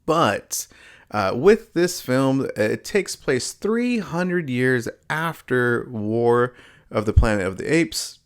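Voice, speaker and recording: Slow, smooth-voiced man reviewing a film. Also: mid-range voice. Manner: rambling, many fillers and restarts; upbeat, excitable opening. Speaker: home video reviewer. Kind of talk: casual spoken review.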